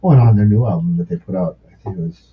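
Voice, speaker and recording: A man telling stories in a casual podcast chat, excitable and full of swearing. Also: sits low, very fast, breathy edge. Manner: profane, excitable storyteller. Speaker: podcast guest. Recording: muffled lo-fi podcast audio.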